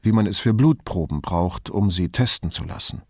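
A man reading an audiobook plays a reflective middle-aged police commissioner who talks in a measured, thoughtful way. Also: low-pitched, no echo, studio quality.

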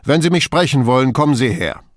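A man's voice: mid-range voice, expressive, quick pace, no echo, voice pushed up, lightly acted. A rude, arrogant male boss who snaps short answers, voiced by a male audiobook reader. His tone is curt and mocking. The voice is dry and close to the mic. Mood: curt, gruff.

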